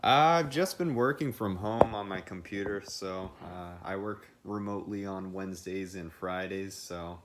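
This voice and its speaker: A man's voice: low voice, moderate pace, hardly any pauses, a little hiss or hum. A young man in his twenties from Massachusetts, chatting easygoingly on a phone call, hesitant with lots of fillers. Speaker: call partner. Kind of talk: casual phone chat.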